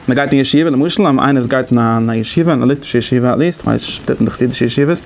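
Male lecturer, rapid conversational delivery, faint noise behind. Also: medium pitch, vocal fry. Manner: explains conversationally, thinking aloud. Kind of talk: lecture on interpretation methods.

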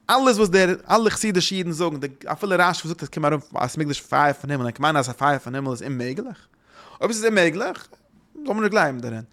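A man giving an informal religious talk, rambling and halting, often repeating his phrases. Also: fairly high pitch, fairly bright tone.

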